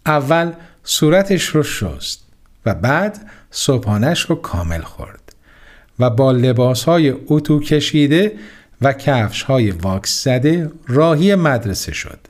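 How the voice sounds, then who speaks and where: A man narrating a children's story, gently addressing the young listeners. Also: mid-range voice, very animated.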